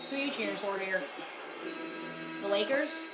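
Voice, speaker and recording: A woman chatting casually and bluntly while watching sports on a live stream, teasing and quick to call things dumb. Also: medium pitch, lively intonation, echoey room, over loud music. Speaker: stream co-host.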